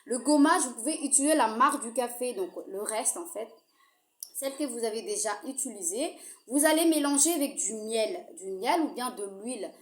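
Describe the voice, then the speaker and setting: Slightly high woman in an echoey room. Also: lively intonation, normal speed. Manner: hesitant, many fillers, addresses viewers directly; apologizes for her own accent. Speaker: skincare tutorial host. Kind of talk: casual how-to demonstration.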